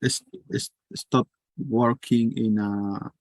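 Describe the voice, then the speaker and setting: A man's voice: medium pitch, fairly even intonation, slow, no room sound, poor audio. A man whose first language is Spanish, answering in an English class, hesitant and searching for words. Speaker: student.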